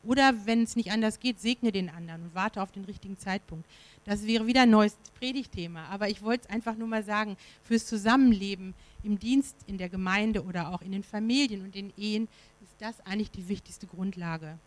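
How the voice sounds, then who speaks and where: A woman's voice: medium pitch, fairly quick, dry recording, poor audio. A woman preaching to her congregation in a conversational way, with fillers and rhetorical questions. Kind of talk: sermon.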